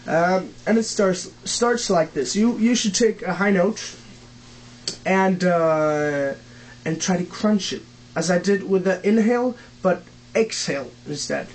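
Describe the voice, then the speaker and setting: A young non-native English speaker teaches vocal techniques in a casual tutorial at home, speaking haltingly with many fillers and restarts. His voice is high-pitched, and the recording is low quality.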